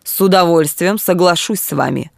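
A woman's voice: lowish voice, moderate pace, gravelly, a little mellow, no room sound, studio quality. A woman voicing a confident man who patiently argues for socialism, in an audiobook reading. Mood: calm, reasoning. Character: earnest confident male socialist thinker, calm debater.

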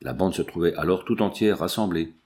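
A man reading a novel aloud as an audiobook narrator, in steady, measured storytelling. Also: sits low. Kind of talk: scripted narration.

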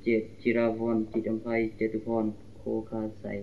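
A man reads a letter aloud in a formal, even voice. He sits some way off the microphone. The sound is thin and phone-like, like an old tape copy. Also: moderate pace, slight background noise. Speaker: reader of a disciple's letter. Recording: distant, tinny lo-fi archival tape.

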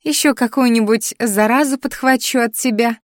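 A woman's voice: a little high, moderate pace, no room sound, studio quality, pitched above the performer's own voice, natural voice. A woman voicing a spiteful, jealous young woman in an audiobook reading, scornful and hissing.

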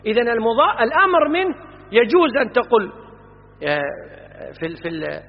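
A man teaching from a classical grammar book, patiently explaining and slowly repeating word forms, checking that his listeners follow. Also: very high-pitched, very animated. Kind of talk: classroom lecture. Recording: muffled recording in a reverberant hall.

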